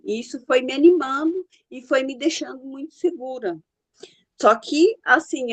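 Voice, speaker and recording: A middle-aged woman therapist with a Brazilian Portuguese accent, telling stories from her practice in an earnest, confiding way. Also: fairly high pitch. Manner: earnest, confiding, peppered with "né" and "assim". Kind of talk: casual storytelling.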